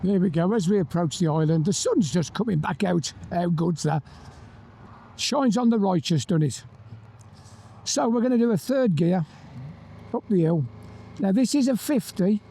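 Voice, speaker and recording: A man's voice: high-pitched, lively intonation, moderate pace, creaky, pauses often, warm tone, breathy edge. A British man gives a chatty, colloquial running commentary while riding outdoors, speaking into a motorbike helmet intercom microphone. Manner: chatty, colloquial British turns of phrase with tag questions. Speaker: motorcycle review vlogger and presenter. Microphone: microphone inside a motorbike helmet. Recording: helmet mic with engine and wind noise. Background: faint vehicle and wind noise.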